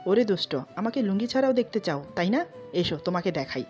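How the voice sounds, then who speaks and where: A woman's voice: mid-range voice, animated, fast, close to an everyday voice. A woman reading a pleading, playful young husband. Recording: slightly dull, soft music behind.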